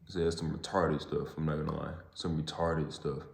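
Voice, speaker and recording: Deep-voiced young man in an echoey garage. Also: level tone, creaky. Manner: halting, repeats and rephrases himself. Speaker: podcast host. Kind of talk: casual solo monologue. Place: parking garage.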